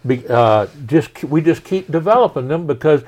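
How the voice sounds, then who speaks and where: A middle-aged man, a pastor, talking through his teaching in a relaxed, folksy conversation. He leans on everyday examples and tosses questions back at his listener. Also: on the high side, moderate pace.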